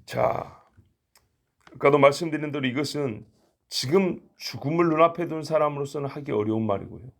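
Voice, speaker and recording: A man's voice: on the high side, moderate pace, vocal fry. A man preaching a sermon as pastor, conversational and acting out the quoted lines.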